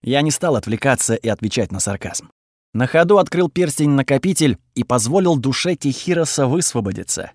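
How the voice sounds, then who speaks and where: A man narrating a first-person fantasy audiobook in a steady, measured way. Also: mid-range voice, no room sound, clean studio sound.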